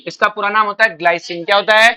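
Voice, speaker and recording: Fast-talking and high-voiced, this man keeps a fairly even intonation with a bright, forceful, clean tone. He's a chemistry teacher coaching exam candidates, throwing out questions, saying "beta," and repeating the replies in a call-and-response style.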